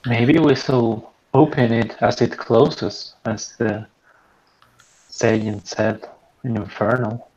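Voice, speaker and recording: A man's voice: medium pitch, fairly even intonation, slow pace, darkish tone, slightly rough. A man chatting casually as a player in a tabletop game. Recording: dull, lo-fi voice chat.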